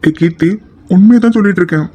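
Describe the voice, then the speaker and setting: A woman lowers her voice to play an anxious young man in a homemade audio drama. He keeps pleading and apologizing, his tone deeper than a woman's usual speech. The delivery stays plain and even. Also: rapid-fire, husky. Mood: worried.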